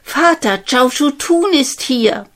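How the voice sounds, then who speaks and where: Eine Frau, die in einer Märchenlesung eine junge, aufgeregte Prinzessin mit hellerer Stimme spricht. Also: female voice, sits high, animated, takes it slowly, fairly bright tone, voice pushed up, heavily acted. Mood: excited. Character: young princess, eager and excited.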